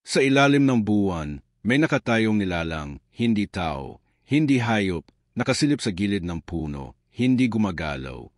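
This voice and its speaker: Deep-voiced male horror storyteller. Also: sing-song, moderate pace, hardly any pauses, no room sound, studio quality. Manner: dramatic, suspenseful. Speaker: narrator. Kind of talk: scripted horror story narration.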